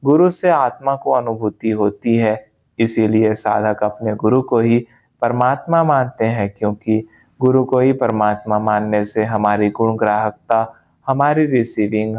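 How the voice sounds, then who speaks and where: A man calmly reading a spiritual memoir aloud as an audiobook narration, in a measured, unhurried way. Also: fairly low pitch, dull audio. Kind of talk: slow scripted audiobook narration.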